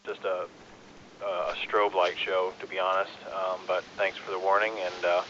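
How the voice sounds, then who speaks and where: Male radio operator, deep but sharp-edged, courteous casual replies over a muffled signal. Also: flat delivery, normal speed, slight background noise. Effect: two-way radio. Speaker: amateur radio operator in the field.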